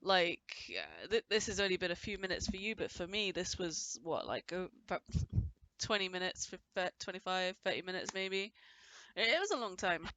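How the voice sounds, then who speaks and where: Narrating her game in a loose, chatty let's-play, this female commentator keeps restarting and sounds slightly off because of a cold. Her voice is lowish, animated and sharp-toned, moving at a normal speed. The recording quality is low.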